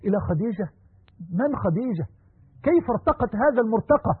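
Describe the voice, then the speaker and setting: A man's voice: high-pitched, animated, quick pace, breathy edge, dry recording. A man with an Egyptian accent preaching a sermon, impassioned and emphatic, with heavy repetition. The recording sounds tinny and phone-like.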